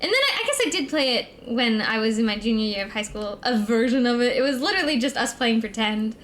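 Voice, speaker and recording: A woman's voice: a little high, very animated, quick pace, fairly bright tone. A young woman chatting casually as a livestream co-host, with a cute, bubbly anime-streamer delivery.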